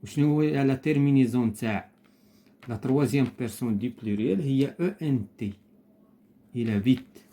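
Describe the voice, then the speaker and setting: A man's voice: medium pitch, warm tone. Moroccan man teaching a lesson. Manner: switches between Moroccan Arabic and slow, deliberate French. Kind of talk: lesson explanation.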